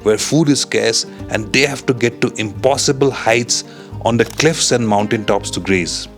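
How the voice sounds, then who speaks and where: A man's voice: medium pitch, moderate pace. A man presenting in a scripted travel narration with the manner of a nature documentary. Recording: music behind the voice. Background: background music.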